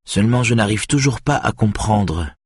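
Man putting on a worn-out lady cop, keeps pushing her questions, husky and dry. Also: fairly low pitch, lively intonation, normal speed, dry recording, pitched above the performer's own voice. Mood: weary. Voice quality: tired, insistent questioning. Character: weary, persistent female police detective.

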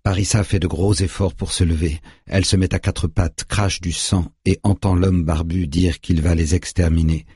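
A man narrating an audiobook in a grave, measured way, recorded on a close studio mic. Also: low voice, steady tone, mellow, breathy edge, dry recording.

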